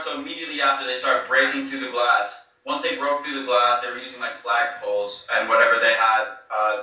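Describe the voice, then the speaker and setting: Man on a low-quality, echoey streamed clip. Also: pushed and bright, far from the mic. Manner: hesitant, many fillers and restarts. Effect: low-quality streamed clip audio. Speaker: eyewitness being interviewed. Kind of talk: casual spoken account.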